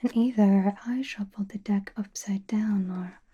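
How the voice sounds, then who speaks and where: A woman playing a mysterious, powerful witch who reads tarot in an ASMR roleplay, whispering slowly in a calm, knowing, soothing way. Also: medium pitch. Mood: musing, gentle. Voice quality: breathy, whispered. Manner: slow, deliberate, soothing personal attention.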